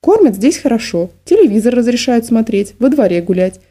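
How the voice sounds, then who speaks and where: A woman's voice: big pitch swings, fairly quick, dark tone. A woman voicing a confused, bitter old woman. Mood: confused, cheerful. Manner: rambling, then shrill and accusing.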